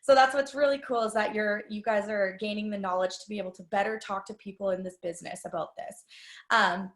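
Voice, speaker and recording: A woman's voice: medium pitch, steady tone, fairly quick. A woman giving a live training talk to an audience, chatty and confiding, addressing the listeners directly and telling personal stories. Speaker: business trainer. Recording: echoey room.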